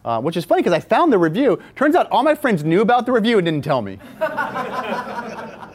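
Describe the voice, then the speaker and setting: A man's voice: high voice, sing-song, moderate pace. A man, a film director, casually telling an anecdote in a rambling way with frequent restarts. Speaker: music video and film director, guest.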